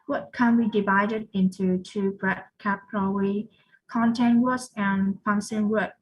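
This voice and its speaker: Young vietnamese woman doing a class presentation, kinda husky, reads then explains. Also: mid-range voice, steady tone, slow pace, lo-fi sound. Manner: reads slide definitions then restates them. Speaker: student presenter.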